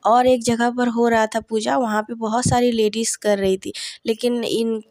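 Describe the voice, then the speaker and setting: A woman in her thirties from eastern India, hoarse with a cold, chatting through a casual vlog with many fillers. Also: on the high side, level tone, normal speed, a little mellow, dry recording, studio quality. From Jharkhand or Bihar, India. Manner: chatty, many fillers, addresses viewers as friends. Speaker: vlogger.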